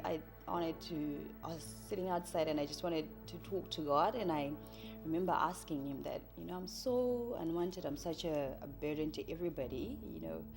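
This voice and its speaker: Music accompanies a woman's hesitant, reflective account of her life as a church member. In her early thirties, she speaks with a Zimbabwean accent as a native Shona speaker, her voice sitting low with a darkish tone.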